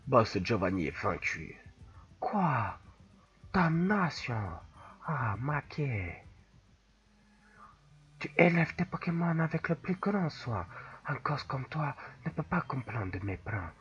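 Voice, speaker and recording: Man doing a cold, proud crime boss, put-on Italian accent, low slow theatrical lines, husky, dull lo-fi audio. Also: very animated, fairly bright tone, exaggerated voice. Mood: menacing. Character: scheming middle-aged male crime boss, cold and proud.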